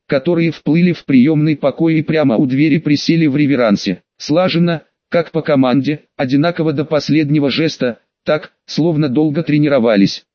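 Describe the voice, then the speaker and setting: A man narrates an audiobook in a steady, measured way, his voice sitting a little high for a man. The recording is dry and close, with a slightly dull top end. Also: no echo. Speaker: audiobook reader.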